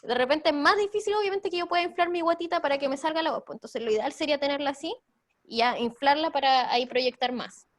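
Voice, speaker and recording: A young woman with a Chilean accent leads a theater workshop, explaining breathing and projection. Her voice sits high, and she laughs easily as she talks. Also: fast. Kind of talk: online workshop talk.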